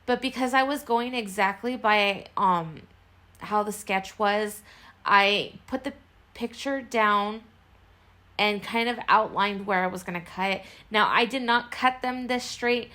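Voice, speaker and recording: A woman's voice: mid-range voice, measured pace, sharp tone. A woman giving a casual, chatty voice-over walkthrough as a craft tutorial host, explaining each step in a self-deprecating way.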